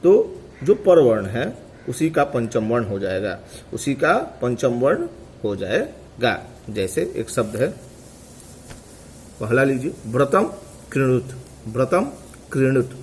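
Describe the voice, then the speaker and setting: A man teaching a grammar lesson, asking questions and answering them himself, repeating each term slowly to drill it. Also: medium pitch, very animated, darkish tone, slight background noise. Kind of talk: classroom lecture.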